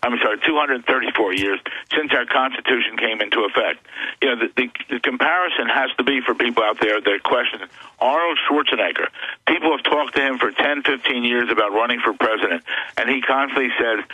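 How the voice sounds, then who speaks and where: A man's voice: medium pitch, fairly quick, pushed and bright, husky, no room sound, rough recording. A man who is an attorney, a guest on a talk radio show, speaking earnestly and insistently as he lists grievances.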